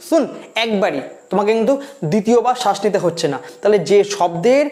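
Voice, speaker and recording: Teacher, patient grammar explanation, checks in often, emphatic rises and falls. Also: a little mellow. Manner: pitch jumps up and down in emphasis. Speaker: English teacher.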